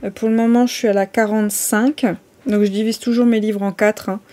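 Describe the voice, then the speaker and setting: Mellow-voiced woman vlogging casually. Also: medium pitch, flat delivery, brisk. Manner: chatty, hesitant, many fillers and restarts. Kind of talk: casual vlog chat.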